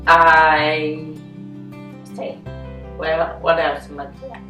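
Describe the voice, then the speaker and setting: Young woman in her twenties, halting, flat and low, distant mic in a roomy space with soft guitar behind. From North Carolina, US. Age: 20s. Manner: halting, words spaced out with pauses. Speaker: interviewee. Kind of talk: personal interview.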